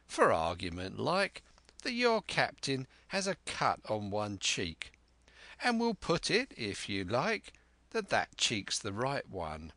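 A man's voice: medium pitch, bright, forceful tone, dry recording, exaggerated voice. A man voicing a sly, menacing male pirate who is half fawning, half sneering, talking in an old sailor's dialect.

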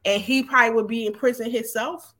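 Speaking a little fast, this podcast guest in her forties candidly shares her personal story, with lots of fillers and a loose, informal style. Her voice is on the high side and fairly bright, with fairly even intonation.

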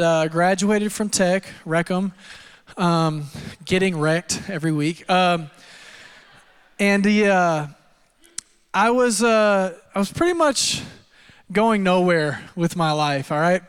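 Preaching in a church auditorium, a thirtysomething Texan pastor shares personal testimony, joking at his own expense and leaning heavily on fillers in casual storytelling. His smooth, resonant voice sits high for a man, and a long reverb follows every phrase.

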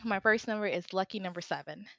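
A woman's voice: mid-range voice, quick pace, creaky, sharp tone, dry recording. A young adult woman guesting on a podcast, chatting in a bubbly way and laughing often. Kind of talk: casual podcast chat. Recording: dull, dry lo-fi sound.

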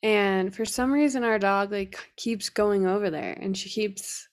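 A young woman co-hosting a podcast, chatting casually. She tells her story loosely, with plenty of "like" fillers, at an ordinary middle pitch. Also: measured pace. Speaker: podcast co-host. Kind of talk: casual chat.

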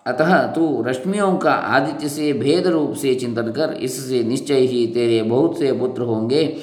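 A man slowly reciting scripture verses in a measured, chanting way, then explaining them plainly. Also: mid-range voice, reverberant. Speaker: scripture reader. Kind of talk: slow recitation and translation of scripture.

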